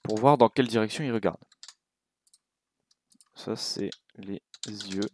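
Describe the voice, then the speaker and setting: Slow, low-voiced French man tutoring. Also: slight background noise. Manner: relaxed, talks while clicking, many fillers and little asides. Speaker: game development tutor. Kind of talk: casual screen-recorded coding tutorial.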